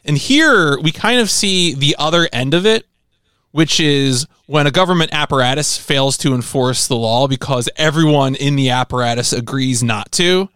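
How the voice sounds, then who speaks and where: Male co-host, smooth and slightly high, casual analysis, dry sound. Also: moderate pace, fairly bright tone, no echo. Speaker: podcast co-host.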